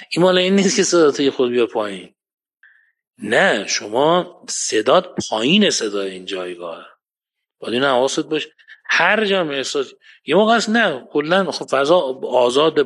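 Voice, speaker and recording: A man giving a religious lecture, quoting Arabic verses, who rises to emphatic points and then drops his voice low. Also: fairly bright tone. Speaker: preacher.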